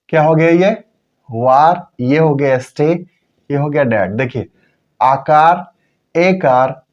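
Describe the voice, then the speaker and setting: A man's voice: medium pitch, darkish tone, lo-fi sound. A man teaching English pronunciation, drilling example words by asking and repeating them. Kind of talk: classroom-style lesson.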